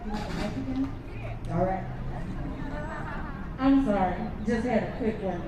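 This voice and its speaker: A woman host addresses an outdoor gathering with grateful, encouraging announcements. Her voice is far off and very echoey, with a crowd clearly around her. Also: medium pitch, a little slow. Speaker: rally host. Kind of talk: informal event announcements and thanks. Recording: echoey, distant mic, noisy outdoor crowd.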